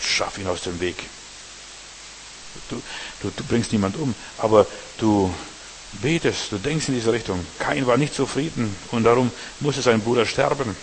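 A man preaching a sermon, emphatic, speaking straight to the congregation and swinging between loud stresses and quiet asides. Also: mid-range voice, a little hiss or hum, poor audio. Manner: emphatic, talks straight to the congregation with repeated tag questions.

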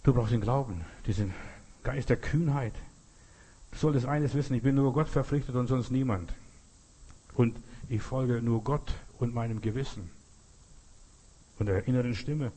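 A man's voice: medium pitch, moderate pace, pauses often, mellow, breathy edge. A man preaching a sermon, urging his listeners directly and earnestly, telling stories and calling each listener to act.

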